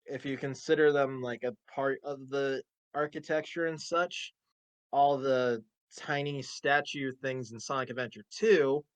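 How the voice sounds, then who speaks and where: A man hosting a casual chat show, explaining game lore in a rambling way full of "uh" and "like". His voice sits at an ordinary pitch and is recorded close and dry, with no room sound. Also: clean tone, dry recording. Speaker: host.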